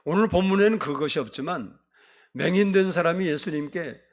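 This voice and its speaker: A man's voice: fairly high pitch, fairly quick. A male pastor delivering an emphatic sermon in a church and prompting the congregation to answer back. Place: church sanctuary.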